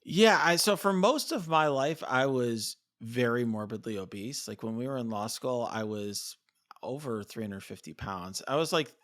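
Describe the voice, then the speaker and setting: A man's voice: mid-range voice, fairly bright tone. Male co-host, conversational, slightly breathless, rambling with frequent restarts. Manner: chatty, lots of fillers and restarts. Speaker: podcast co-host. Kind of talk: casual conversation.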